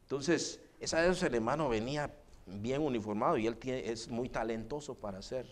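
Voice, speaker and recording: A man's voice: mid-range voice, moderate pace. A male pastor preaching a sermon in church, telling stories with quoted dialogue and often calling listeners brother.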